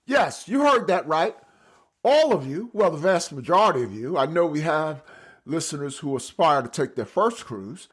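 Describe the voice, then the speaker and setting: A man hosting a podcast, reading an enthusiastic introduction and then asking questions with some hesitation. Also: high-pitched. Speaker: podcast host. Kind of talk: podcast interview. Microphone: remote call setup.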